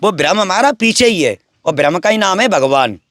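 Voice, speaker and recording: A man's voice: high-pitched, lively intonation, moderate pace, fairly bright tone, dry recording, studio quality. A man, a wandering holy man, talking at length about spirits and devotion in a boastful, preachy way. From Braj region, India. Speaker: wandering sadhu interviewed. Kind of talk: rambling spiritual talk.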